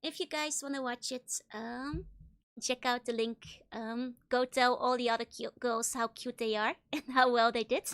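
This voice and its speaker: A woman livestreamer chatting casually with viewers in a bubbly, giggly, gushing way, with a high-pitched bright voice. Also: steady tone, normal speed, slight background noise. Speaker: streamer, virtual YouTuber host.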